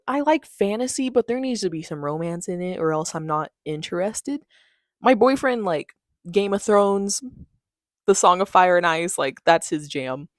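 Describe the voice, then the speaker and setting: This is a young woman in a casual book-haul vlog, talking in a bubbly, gushing way with little giggles. Her voice sits a touch on the low side. The sound is dry and close, with no room around it. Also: no echo. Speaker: book vlogger.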